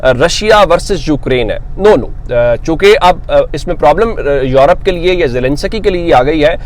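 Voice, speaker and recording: Sounding a little high and animated, this host talks through the news off the cuff, breaking it down step by step. He poses questions only to answer them himself, and he reads out English quotes slowly and then puts them in his own words.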